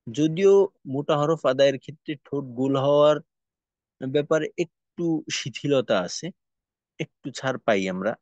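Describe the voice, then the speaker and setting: A tajweed teacher with a voice on the high side and a darkish tone, with no echo, leads a recorded class on Quran letter pronunciation. He goes slowly, explaining each step and then drilling the sounds over and over. The recording has a dull, lo-fi sound.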